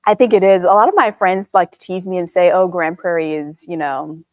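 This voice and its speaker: A woman's voice: fairly low pitch, fairly even intonation, brisk, a little mellow, dry recording. Upbeat woman co-hosting a talk show. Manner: upbeat, agreeable, laughs easily. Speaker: co-host. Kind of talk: casual chat.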